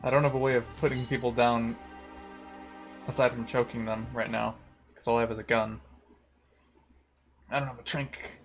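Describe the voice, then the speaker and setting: A man's voice: mid-range voice, level tone, moderate pace, pauses often, soft background music. A man live-streaming a video game, chatting casually with lots of swearing and bro slang. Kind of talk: casual live-stream chat while gaming.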